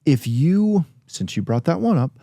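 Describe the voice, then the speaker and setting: A man's voice: a little high, big pitch swings, unhurried, creaky, mellow, dry recording. A man co-hosting a casual podcast with his wife, blunt, plainspoken and self-deprecating. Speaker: podcast co-host.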